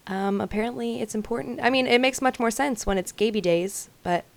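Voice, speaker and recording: A young woman co-hosting a casual podcast chat, chatty and quick to laugh. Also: fairly high pitch, creaky. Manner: giggly, chatty, lots of laughter. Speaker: podcast co-host.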